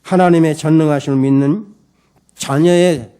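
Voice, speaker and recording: A man's voice: on the high side, fairly even intonation, moderate pace, warm tone, clean tone. A man pastor giving a Sunday morning sermon in church, preaching emphatically, calling for amens and telling a story with many fillers. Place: church service.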